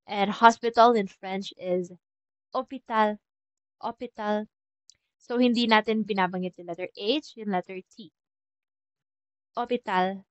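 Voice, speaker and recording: A woman from the Philippines giving a casual French lesson, chatty and repeating example words slowly. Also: medium pitch, no echo, lo-fi sound. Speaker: French teacher.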